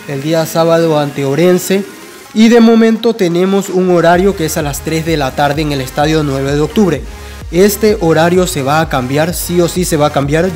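A young man talks through football news for his fan channel in a loose, conversational way. His voice sits a little on the high side, and he often hesitates and restarts. Faint music plays quietly behind him. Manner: conversational, frequent fillers and restarts. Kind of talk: casual fan news commentary.

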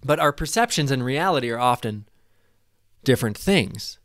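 A man in his thirties giving a casual, excited commentary over a replay of his own flight, at a desk microphone in a small room. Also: mid-range voice, normal speed, no echo, clean studio sound. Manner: enthusiastic, casual, swears when excited. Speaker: paragliding vlogger. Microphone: desk microphone in front.

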